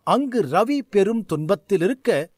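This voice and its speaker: A man narrating a scripted fantasy story in an expressive way. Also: sits high, measured pace, dry recording, studio quality.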